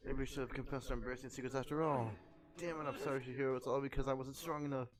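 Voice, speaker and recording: A man's voice: medium pitch, steady tone, very fast, over music. A man playing a video game while chatting with a friend, distracted and muttering as he plays. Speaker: player of the game. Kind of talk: casual let's-play banter.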